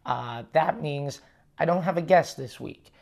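A man hosting a casual solo podcast, rambling and halting with frequent swearing, recorded on a lav mic in an echoey room. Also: fairly high pitch, creaky. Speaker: podcast host and touring stand-up comedian. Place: condo room, indoors. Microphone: lavalier plugged into portable recorder.

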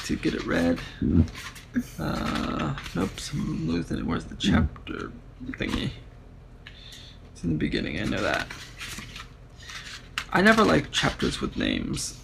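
A man with a deeply gravelly, fry-heavy voice talks through a book in loose, rambling chat. He often trails off and restarts mid-thought, and a faint hiss sits behind him. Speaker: podcast co-host. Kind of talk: casual chat about a book.

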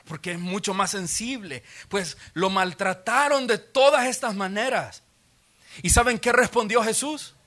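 Man, pastor, sermon, high voice, bright tone, vivid storyteller, church auditorium. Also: a little slow. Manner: vivid storytelling, acts out quotes.

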